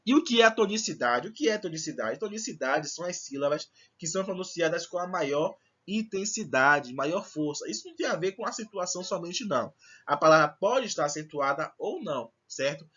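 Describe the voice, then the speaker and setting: Male teacher, bright and sharp tone, explains step by step, dull lo-fi recording. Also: on the high side, animated, fairly quick, slightly rough. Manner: explanatory, checks in with frequent "certo?". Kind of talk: recorded online Portuguese lesson.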